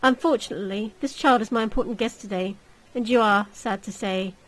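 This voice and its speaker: A woman voices a suave young marquis in a gothic visual novel, speaking with measured, teasing mock courtesy. Her medium-pitched voice sounds natural, though the audio quality is poor.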